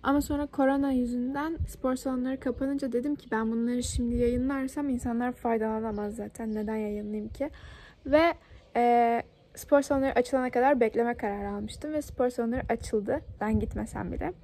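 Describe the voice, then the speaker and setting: A young woman fitness vlogger talks casually as she explains a workout step by step, instructive and slightly self-deprecating. Her voice is on the high side, steady, mellow and fairly quick.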